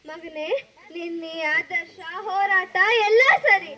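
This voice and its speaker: A high, bright-voiced grieving mother, played by a woman in a school play, tearful and pleading. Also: slow, full character voice. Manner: sobbing, pleading.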